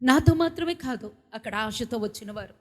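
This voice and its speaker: Woman pastor, Telugu accent, high voice, impassioned pleading sermon, recorded in an echoing hall. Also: expressive, normal speed. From India. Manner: impassioned, pleading, with sudden loud outbursts. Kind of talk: emotional sermon. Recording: long hall reverb.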